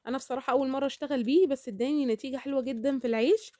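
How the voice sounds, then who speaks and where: Fast-talking Egyptian woman vlogger. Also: high-pitched, steady tone, mellow, dry recording. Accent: Egyptian Arabic. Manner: talkative, repeats herself, asks "okay?" often. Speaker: cooking vlogger. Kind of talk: casual chatty vlog.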